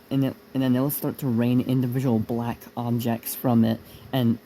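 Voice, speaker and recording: A young man telling a personal story in a casual, unscripted way, halting and rambling as he searches for words. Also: medium pitch, dark tone, slight background noise, low-quality recording. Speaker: video creator narrating a personal story.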